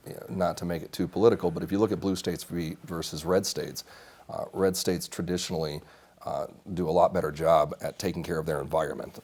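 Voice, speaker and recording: This congressional candidate, a man in his thirties raised in Mexico, speaks in a low, slightly mellow voice. In a small TV studio interview, he gives earnest, assertive answers and often restarts his sentences.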